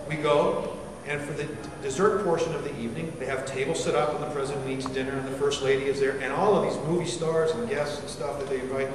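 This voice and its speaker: An army band musician from Chile, a man in his forties, gives cadets a chatty, informal talk and asks them questions. His voice is on the high side. He's recorded from afar in an echoey hall with background noise.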